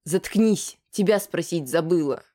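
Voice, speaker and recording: The reader voicing a loud, furious middle-aged mother who shrieks coarse abuse in an audiobook. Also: unhurried, lightly acted. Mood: screaming abuse. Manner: shrill shouting.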